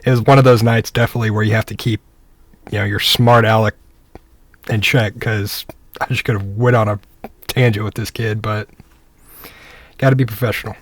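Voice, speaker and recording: A man's voice: on the low side, steady tone, fairly quick, long pauses, no room sound. Laid-back man telling a police story. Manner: laid-back, conversational, acts out the dialogue. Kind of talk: casual storytelling to camera.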